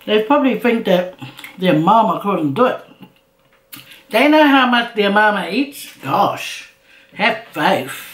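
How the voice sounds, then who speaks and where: A woman's voice: mid-range voice, expressive, takes it slowly, pauses often. A middle-aged woman chatting casually as a mukbang host, talking between mouthfuls with appreciative hums. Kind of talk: casual chat while eating. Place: indoor room at a table. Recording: roomy echo, clinking dishes.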